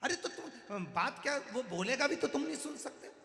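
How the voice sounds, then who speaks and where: A man voicing an exasperated young grandson who yells in frustration at his hard-of-hearing grandfather. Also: extremely high pitch, lively intonation, normal speed, gravelly, pitched above the performer's own voice, heavily acted. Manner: yelling in frustration. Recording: echoey hall with long reverb.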